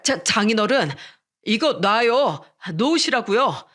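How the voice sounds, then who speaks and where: A woman's voice: on the high side, animated, measured pace, a bit bright. Woman voicing a sneering arrogant son-in-law surgeon. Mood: defiant. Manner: sneering, condescending.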